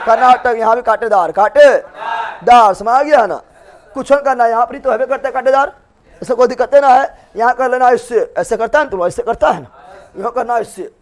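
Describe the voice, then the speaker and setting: A male teacher, leading a geography class in chanted call-and-response and repeating answers loudly. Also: very high voice.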